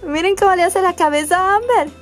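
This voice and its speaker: A woman's voice: extremely high pitch, a little fast, faint music behind. A woman hosting a children's toy video, teaching colors to young kids in a sing-song voice with exaggerated wonder. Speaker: children's toy channel host.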